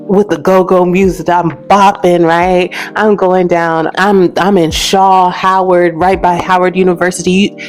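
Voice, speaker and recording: A low-voiced American host raised in Alabama tells stories directly to camera, with soft music behind her. She is animated and chatty, laughs between lines, and makes big pitch jumps.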